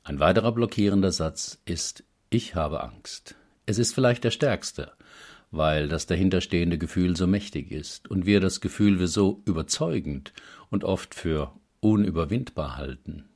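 A man calmly reading a self-help text aloud in a measured, explaining manner. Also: deep voice, breathy edge.

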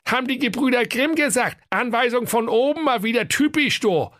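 A man voices a sulky hunter for a comic storybook, moaning about his lot in a chatty, whiny way. The voice is pitched high and sounds bright and pinched. The recording is dry. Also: lively intonation, normal speed, no room sound. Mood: grumbling. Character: sulky overworked male hunter, grumbling.

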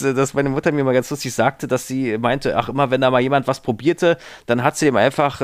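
A podcast guest from Berlin tells stories from his bed in a casual chat, his medium-pitched voice captured in a dry recording. He rambles and digresses, hesitating often and filling gaps with fillers.

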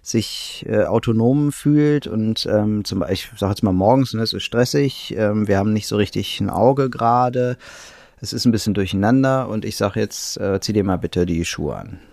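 A man with a lowish, gravelly voice talks in a relaxed, explanatory way and often pauses on fillers. The sound is dry and close, with no room around him. He stays steady and thoughtful. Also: dry recording. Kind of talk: casual conversation.

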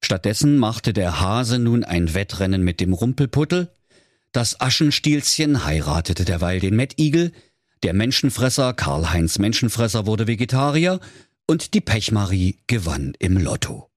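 A man's voice: on the low side, sing-song, moderate pace, dry recording, clean studio sound. A man with a Saxon accent narrating comic fairy tales in a theatrical, mock-solemn way. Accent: Saxon German. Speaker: storyteller.

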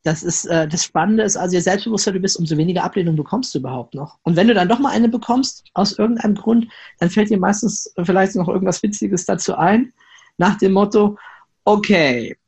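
Male interview guest, flirting coach, husky tone, animated storyteller. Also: sits high, fast talker. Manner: lively storyteller, acts out inner voices, frequent "ne?". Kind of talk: conversational interview.

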